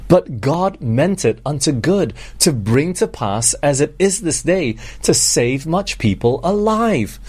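A middle-aged man from Malaysia preaching a sermon, earnest, slowing down on scripture and asking the congregation rhetorical questions. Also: fairly high pitch, sing-song, darkish tone, slightly rough. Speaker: pastor.

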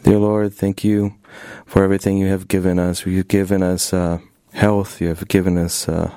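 Deep, mellow-voiced man from Brazil. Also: little pitch movement, normal speed, no echo. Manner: hesitant, with fillers. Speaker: doctoral student guest. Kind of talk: interview and spoken prayer.

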